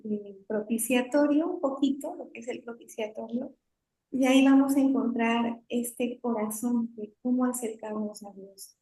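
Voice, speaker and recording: A woman's voice: fairly high pitch, mellow, echoey room, low-quality recording. A woman pastor teaching the Bible to a women's group over a video call, explaining step by step and often checking in with "¿no?". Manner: explanatory, often adds "¿no?" and "entonces". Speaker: pastor leading a women's devotional.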